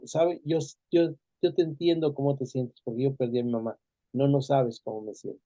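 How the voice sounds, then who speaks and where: Earnest man lecturing, very mellow voice. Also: mid-range voice, dry recording. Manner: earnest, repeats key points, frequent fillers. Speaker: teacher of a pastoral grief course. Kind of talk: classroom lecture.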